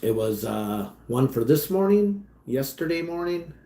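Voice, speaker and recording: A man's voice: mid-range voice, very animated, a little slow. Casual male streamer, rambling and conversational, recorded in a roomy, echoing space. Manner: rambling, chatty, trails off quietly. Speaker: livestream host and delivery driver. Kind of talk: casual livestream chat reading comments. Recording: echoey room.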